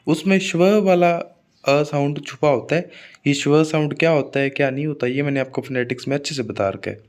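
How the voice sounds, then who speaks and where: A man teaching English word stress for an exam, speaking Hindi. He repeats example words slowly and checks in with "theek hai" often, with an occasional cough. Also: a little high.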